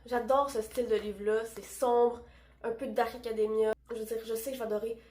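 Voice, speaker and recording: A woman's voice: a little high, level tone, brisk, a little mellow, roomy sound. A young woman with a Québécois French accent, chatting enthusiastically about books she plans to read. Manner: chatty, enthusiastic, self-deprecating. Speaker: book vlogger. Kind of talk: casual book chat.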